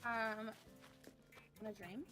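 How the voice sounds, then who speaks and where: A woman's voice: mid-range voice, fairly even intonation, slow pace, music in the background. A woman co-hosting a casual podcast stream, chatting in a rambling, self-deprecating way while she plays. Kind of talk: casual chat while playing a game.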